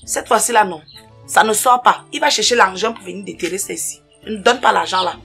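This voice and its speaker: A woman's voice: medium pitch, brisk, vocal fry, a bit bright, soft background music. A woman playing a scolding, dismissive older sister in a comedy sketch. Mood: complaining. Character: bossy older sister who spent his money.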